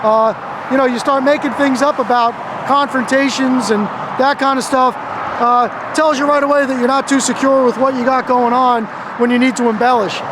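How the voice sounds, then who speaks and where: Standing beside a busy road with traffic clearly audible, a high-voiced American First Amendment auditor in his fifties offers casual on-the-street commentary to his camera. He speaks at a moderate pace with fairly even intonation.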